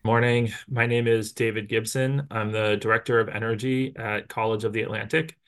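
A middle-aged man, a college energy director, explaining at a measured pace with frequent pauses and fillers. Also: fairly low pitch, level tone, a bit bright. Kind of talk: explaining in an interview.

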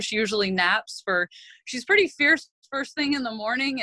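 A middle-aged woman, a lobster fisherman and captain, talking in a relaxed, rambling way on a panel. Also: lowish voice, dry recording, rough recording. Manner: relaxed, rambling, with many "you know"s. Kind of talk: panel discussion.

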